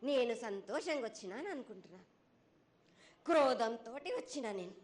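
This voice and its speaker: Woman in prophetic trance, swinging pitch, Telangana accent. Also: expressive. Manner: stern, scolding, halting short phrases with repeated words. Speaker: oracle speaking as the mother goddess. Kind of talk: prophetic trance voice, ritual proclamation.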